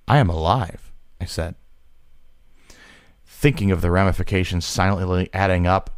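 A man with a low, fairly deep voice reads a short story aloud, slow and deliberate, now and then tripping over a word and correcting himself. The sound is close and dry, with no room echo. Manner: slow, measured reading with occasional stumbles. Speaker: podcast co-host reading a story aloud.

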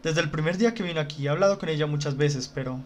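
A man's voice: fairly high pitch, racing, darkish tone, a little hiss or hum, lightly acted. A man voicing an arrogant, tall, thin older female teacher in a visual novel game, speaking in a stiff, scolding way. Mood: stern.

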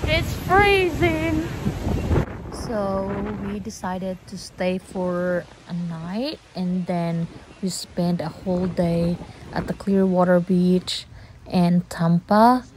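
Slow-talking Filipina vlogger, noisy outdoor phone audio. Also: female voice, fairly low pitch, a little mellow. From Philippines. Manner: chatty, simple phrasing with small grammar slips. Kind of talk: casual travel vlog narration. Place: outdoors, in a car and on a windy beach. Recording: background noise from car and wind.

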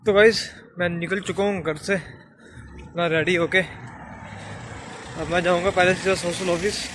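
Young man, casual daily vlogger, higher pitch, steady and flat, light background hiss. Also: unhurried. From Haryana, India. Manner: chatty running commentary to camera. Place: kitchen, then outdoors on streets. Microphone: phone at arm's length.

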